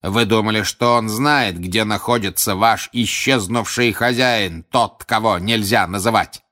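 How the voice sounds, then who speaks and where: A man voicing a hateful, stern older male judge who declaims and shouts harshly, in an audiobook. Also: fairly low pitch, measured pace. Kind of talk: audiobook character voice.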